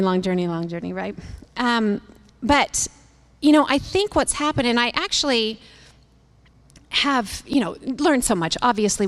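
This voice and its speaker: A woman in her fifties hosting a devotional talk, candid and animated, laughing as she tells stories. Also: fairly high pitch. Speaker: women's ministry host. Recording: long reverb.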